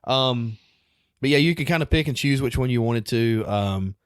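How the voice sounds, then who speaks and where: A man in his thirties co-hosts a podcast, chatty and upbeat, laughing easily as they talk casually. His medium-pitched voice is animated, clear and resonant at a moderate pace, captured in a dry, clean studio recording.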